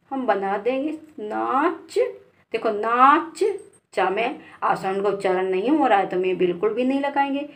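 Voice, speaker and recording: A woman from India teaching a beginner spelling lesson, spelling words out letter by letter and calling her learners "beta". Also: on the high side.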